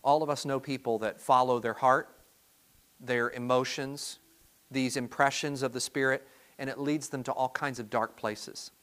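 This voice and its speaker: A pastor giving a sermon to his congregation, earnest and halting, often repeating words as he restarts his sentences. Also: medium pitch, fairly even intonation, a bit bright.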